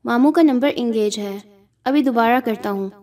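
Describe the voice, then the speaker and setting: A woman's voice: on the high side, darkish tone, lightly acted. A woman voicing a timid, frightened young man in an audio horror story. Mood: nervous. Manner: hesitant, fearful. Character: young man, nervous, timid around his possessed wife.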